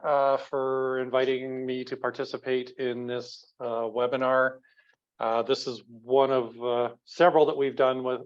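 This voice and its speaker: A man presenting in a webinar, captured as a screen recording of the video call. His voice sits at a middling pitch and sounds muffled and lo-fi, as a computer mic does. He talks haltingly and fills his pauses with "uh" and "um.". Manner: halting, many "uh" and "um" fillers. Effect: screen-recorded webinar audio over a video call. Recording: dull lo-fi video call audio.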